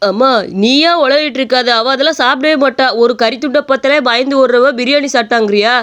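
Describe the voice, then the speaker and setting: A woman's voice: high voice, a little fast, fairly bright tone, clean tone. Woman playing a brusque grown son. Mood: impatient. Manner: brusque, scolding. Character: young adult son, impatient and dismissive.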